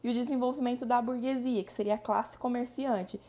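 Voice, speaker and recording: A woman's voice: on the high side, fairly even intonation, warm tone. Brazilian woman teaching a lesson. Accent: Brazilian Portuguese. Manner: explanatory, repeats points, drawn-out syllable counting. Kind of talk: recorded online lesson.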